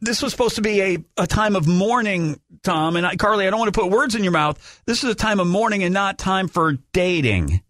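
A male morning radio host with a smooth delivery and a slightly high voice that swings widely in pitch. He works a phone-in segment with practised, fluid announcing. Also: expressive, fairly quick, few pauses, fairly bright tone, dry recording, studio quality.

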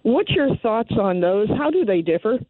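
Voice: medium pitch, very animated, moderate pace, dry recording. A caller on a radio garden call-in show, heard over the phone, asking questions politely and hesitantly with fillers. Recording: narrow telephone line.

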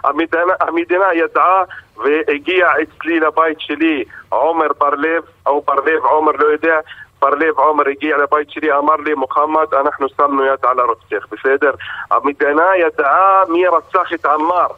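Man on a tinny phone line halting, grieving father. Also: on the high side, fairly even intonation. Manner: halting, repeats words, emotional and angry. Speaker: bereaved father, radio guest. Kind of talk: phone-in radio interview. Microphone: telephone.

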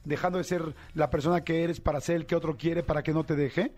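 Podcast host, man, rapid-fire chatty delivery, fairly high voice. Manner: fast, animated, self-correcting. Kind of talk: casual interview chat.

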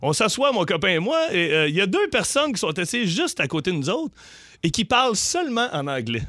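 A man with a Québécois accent, co-hosting a radio show and telling funny stories in a casual, animated way. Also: high voice, no echo, studio quality. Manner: animated storyteller, quick and lively. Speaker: radio show co-host and comedian. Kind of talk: casual radio chat with anecdotes.

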